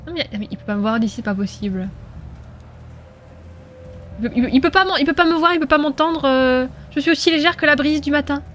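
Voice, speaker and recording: Woman gaming on stream, high voice, jokey and chatty, lots of laughing. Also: quick pace, long pauses, fairly bright tone, a little hiss or hum. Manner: playful, chatty, laughs often. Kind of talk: casual live gameplay commentary.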